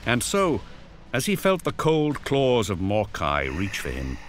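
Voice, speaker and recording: A man with a lowish voice and huge pitch swings narrates an audio drama slightly slowly, in an intense, solemn, theatrical storytelling style. Loud music and battle sound effects play behind him.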